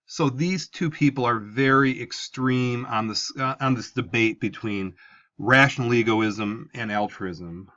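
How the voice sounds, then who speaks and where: A man's voice: mid-range voice, measured pace, pushed and bright, dull audio. A male teacher giving a conversational lecture to his class, explaining ideas step by step. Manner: explanatory, conversational, asks for an open mind.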